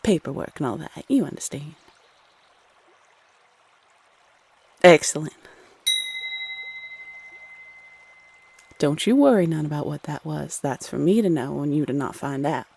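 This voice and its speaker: A woman's voice: low voice, expressive, brisk, creaky, darkish tone, slightly rough, exaggerated voice. A woman playing a playful, teasing Cupid, a bossy love goddess who chats sassily and uses pet names in an audio roleplay. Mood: brisk, sly. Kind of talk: scripted audio roleplay addressed to the listener.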